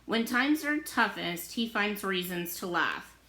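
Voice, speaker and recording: A teacher reading a novel aloud to her listeners, giving the story plenty of expression. Her voice is bright and clear, and the room around her echoes noticeably. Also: medium pitch, lively intonation, measured pace. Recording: roomy echo.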